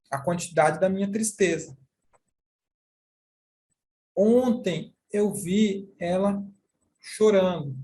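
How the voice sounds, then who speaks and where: A man with a Brazilian Portuguese accent teaching a sign language class, explaining deliberately with repeated examples. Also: high-pitched, a little mellow.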